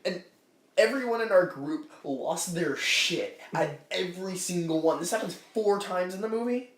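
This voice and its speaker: Animated young man, lively voice, echoey room. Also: normal speed. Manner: animated, swearing, acts out quotes in high silly voices. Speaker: podcast co-host. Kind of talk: casual comedic movie review chat.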